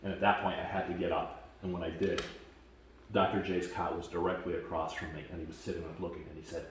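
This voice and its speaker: A low-voiced man from Washington state tells his story casually, with fillers and a lively retelling. He sounds far from the mic in a very echoey space. A faint hiss of noise sits under his voice. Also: quick pace. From Washington state, USA. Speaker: camp attendee giving a testimonial.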